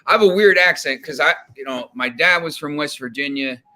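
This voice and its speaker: A New Jersey man appears as a guest chatting casually about soccer bets, his voice on the high side, fairly quick, pushed and bright. He rambles, repeats words, restarts and fills gaps with lots of fillers.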